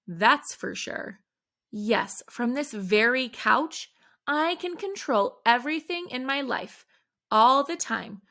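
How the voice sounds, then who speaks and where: A woman reads a picture book aloud to children at an unhurried, deliberate pace. Her slightly high voice is bright with a gravelly edge, and she gives the big moments animated, dramatic emphasis in this expressive read-aloud storytelling.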